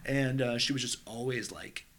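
A man in his thirties, a podcast guest, chatting casually and telling animated stories. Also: medium pitch, normal speed. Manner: animated storyteller who slips into mimicked voices. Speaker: podcast guest, drag performer.

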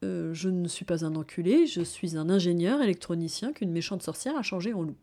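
Storybook wolf-man, cursed engineer, soft and flat, reciting his merits, put on by a woman narrator. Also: on the low side, fairly quick. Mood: wooing. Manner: soft, flat, listing like a personal ad. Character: male wolf, cursed engineer, self-advertising.

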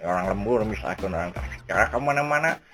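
A man's voice: lowish voice, lively intonation, quick pace, over music. A man with a Sundanese accent on a podcast, answering in a hesitant, joking way. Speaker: podcast co-host. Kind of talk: casual chat.

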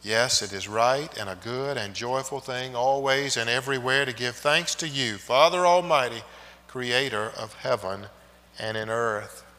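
Man with a long cathedral echo. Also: mid-range voice. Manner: measured, phrases trailing off quietly. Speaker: pastor. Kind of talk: leading liturgy and prayer. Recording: long echoing reverb of a large church.

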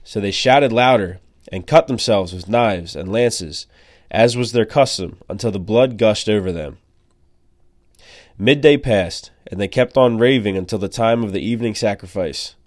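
Scripture reader, male, low voice, solemn and measured. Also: a little mellow. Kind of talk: scripture reading.

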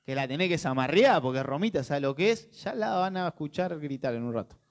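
Rioplatense male pastor, higher-pitched, chatty and joking in the pulpit. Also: expressive, brisk. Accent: Rioplatense Spanish. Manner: conversational, jokey preaching with rhetorical questions. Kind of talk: sermon.

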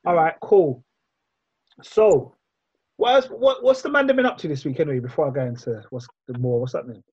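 A man's voice: on the high side, a little fast, darkish tone, breathy edge, muffled recording. A man with a London roadman accent hosting a casual group chat, slangy and full of questions. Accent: London roadman, multicultural urban slang. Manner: slangy, asks the others questions. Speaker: host leading the chat.

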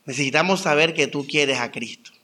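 A young adult man preaching a conversational sermon, telling stories with lively rhetorical questions. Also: a little high, a little fast. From Colombia. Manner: animated storytelling with rhetorical questions. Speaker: pastor.

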